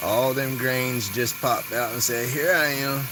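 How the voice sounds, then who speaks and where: A man's voice: medium pitch, steady tone, a little slow. A man with a Southern US Appalachian hillbilly accent chatting casually and folksily on a livestream while he works, sometimes getting tongue-tied. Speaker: woodturning livestreamer. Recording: noisy workshop, machine hum behind voice.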